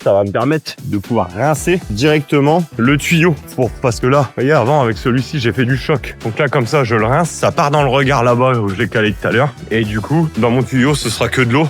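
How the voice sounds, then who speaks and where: Chatty man vlogging outdoors on a job site. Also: mid-range voice. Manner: chatty, explains step by step, swears lightly. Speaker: drone roof-cleaning contractor. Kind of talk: casual on-site vlog. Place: outdoors on a building site at a large property.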